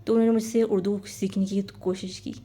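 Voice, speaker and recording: A woman's voice: mid-range voice, little pitch movement, warm tone. A woman telling a personal story in a casual, rambling way, often repeating her phrases.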